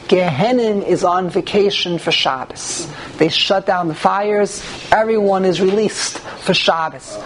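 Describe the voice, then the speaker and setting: A man gives an informal religious lecture to a group, repeating phrases and asking rhetorical questions. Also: high-pitched. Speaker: rabbi giving a religious class. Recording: noisy live room recording.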